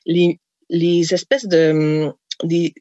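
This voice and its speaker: A woman, a guest being interviewed, talking casually and often pausing to search for words. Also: lowish voice, level tone, dark tone, no echo, muffled recording. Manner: searching for words, hesitant restarts. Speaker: guest author.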